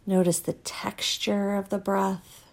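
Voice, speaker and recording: A woman leading a guided breath-awareness meditation in a slow, soothing, unhurried way. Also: mid-range voice, little pitch movement, vocal fry, a little mellow. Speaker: mindfulness teacher.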